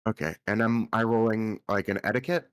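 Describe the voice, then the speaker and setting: A man's voice: fairly low pitch, a little fast, smooth. Rambling man playing a tabletop game. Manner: rambling, laughs often. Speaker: player.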